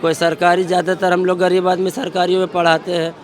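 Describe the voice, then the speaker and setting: A man's voice: high-pitched, completely flat delivery, fast talker. A man who lives in the area, pleading with a reporter outdoors, repeating himself and calling him sir. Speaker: local resident interviewed. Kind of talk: street interview. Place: outdoors in a crowd. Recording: crowd noise outdoors. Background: crowd chatter.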